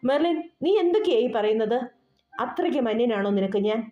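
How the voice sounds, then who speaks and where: A woman's voice: fairly high pitch, expressive, fairly quick, close to an everyday voice. A woman voicing a frustrated, hurt young man who speaks reproachfully, in an audio novel. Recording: roomy dull recording with soft music.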